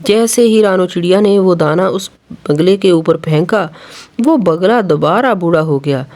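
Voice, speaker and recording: A storyteller narrating a bedtime animal story for children in a steady, expressive manner. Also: mid-range voice, measured pace.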